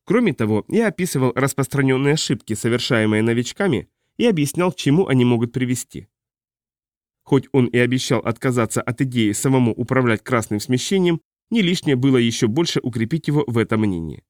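A man narrating a science fiction audiobook in the first person, at a measured, calm pace. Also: medium pitch, no room sound, studio quality.

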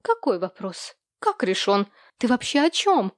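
A shrill young widow, quick to take offence, her voice jumping high when she protests, as a woman reads her in an audiobook. The sound is close and dry. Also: animated, darkish tone, dry recording, natural voice. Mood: tearful. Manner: shrill, defensive outbursts. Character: young woman, indignant widow, easily upset.

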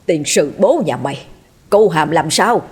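A woman voicing a hot-tempered middle-aged man who scolds and curses gruffly. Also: fairly low pitch, expressive, normal speed. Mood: angry.

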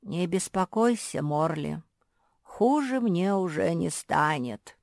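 A woman's voice: fairly low pitch, expressive, slow, gravelly, a little mellow, dry recording, studio quality, full character voice. Woman doing a weary talking rag heap. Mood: resigned. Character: weary male rag heap, resigned outcast.

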